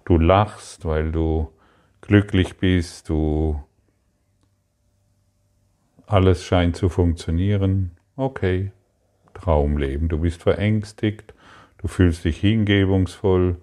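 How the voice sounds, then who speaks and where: A man giving a spoken spiritual lesson, calm and repetitive, addressing the listener directly. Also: deep voice, slow, long pauses. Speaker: spiritual teacher.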